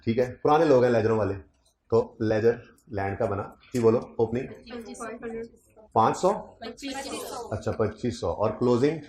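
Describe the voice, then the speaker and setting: A man's voice: fairly low pitch, darkish tone. A man giving an accounting lecture, quizzing students on figures and adding teasing asides. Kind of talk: classroom lecture.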